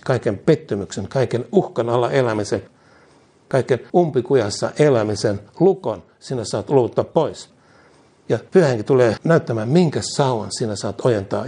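A man's voice: medium pitch, lively intonation, warm tone, slightly rough. A man preaching a sermon, reading scripture and urging listeners on with earnest, repetitive exhortation.

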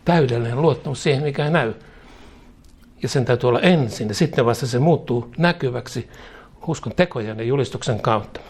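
A man's voice: mid-range voice, a little mellow, breathy edge. A man preaching a charismatic sermon in emphatic, rhythmic repeated phrases, chuckling now and then.

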